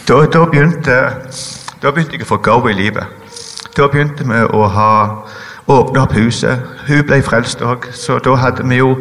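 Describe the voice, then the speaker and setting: Halting man giving a testimony. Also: medium pitch, fairly bright tone, in a large hall. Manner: hesitant, halting storytelling with many fillers. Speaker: guest giving a personal testimony. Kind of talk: emotional spoken testimony.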